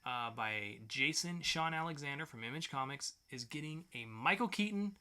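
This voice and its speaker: A podcast co-host with a fairly high, expressive, sharp yet smooth voice reviews comic books at a moderate pace. The chat is casual, informal and enthusiastic.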